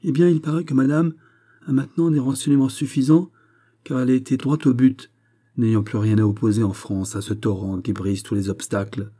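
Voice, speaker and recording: A man reading aloud and voicing a shrewd young woman, a friend who talks in a brisk, insistent way. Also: mid-range voice, fairly even intonation, dark tone, voice pushed up, close to an everyday voice.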